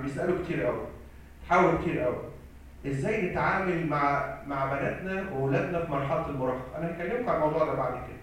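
This is an Egyptian Arabic-accented priest preaching forcefully, echoing his key lines and posing questions he then answers himself. His voice is high and fairly bright, captured from far off in a reverberant hall.

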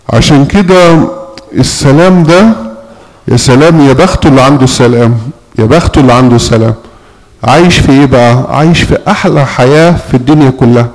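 A man's voice: medium pitch, darkish tone, low-quality recording. A man with an Egyptian accent preaching a sermon as a priest, often asking the congregation to complete his phrases. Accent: Egyptian Arabic. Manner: call-and-response questions to the congregation.

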